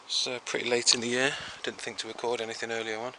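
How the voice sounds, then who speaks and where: A man's voice: medium pitch, little pitch movement, quick pace, bright, forceful tone, low-quality recording. A man giving a casual, chatty, rambling tour of his backyard vegetable garden, speaking outdoors into the camera he films with. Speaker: home gardener. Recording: outdoor noise behind the voice.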